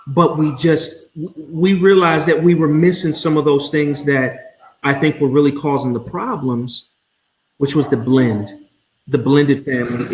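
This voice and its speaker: Host, male, 40s, lively interviewer, roomy echoey sound. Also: mid-range voice. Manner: animated, repeats and restarts phrases. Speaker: podcast host. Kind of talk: conversational interview. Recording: roomy echo, faint noise.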